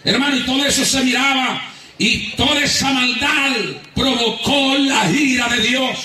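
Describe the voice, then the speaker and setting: Preaching with fervor, a man with a Honduran accent gives an emphatic evangelical sermon, laughing frequently as he calls out for praise and applause. His very high-pitched voice is steady, pushed, and bright, with a measured pace. The mic sits at a distance in an echoey church hall.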